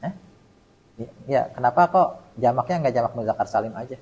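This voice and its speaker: Husky-voiced male grammar teacher drilling a class. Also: mid-range voice, lively intonation, fairly quick, a little mellow, highs cut off. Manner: quizzes students by name, repeats terms for the class to finish. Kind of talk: classroom lecture with call-and-response drilling. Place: mosque study session.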